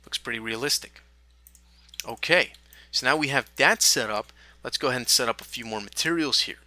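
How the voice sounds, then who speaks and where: Guy narrating a software tutorial, chill step by step, super bright voice, dead dry mic. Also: mid-range voice, fairly quick, no echo. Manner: relaxed step-by-step explaining with fillers. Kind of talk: screen-recorded software tutorial.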